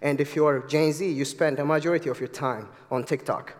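A guest preacher in his twenties from Ethiopia, with an Ethiopian accent, gives an earnest, eager sermon to a church congregation. His pitch is fairly high and his tone steady, the pace fairly quick, and a long reverb tail trails his words in the sanctuary.

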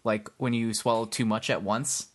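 A man's voice: on the low side, steady tone, moderate pace. A man hosting a casual podcast chat, telling rambling stories and poking fun at himself. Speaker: podcast host.

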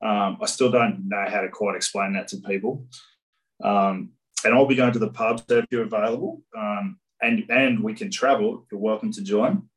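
A man's voice: fairly low pitch, fairly even intonation, moderate pace, low-quality recording. A man co-hosting a casual podcast, with a dry, matey sense of humour. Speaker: podcast co-host.

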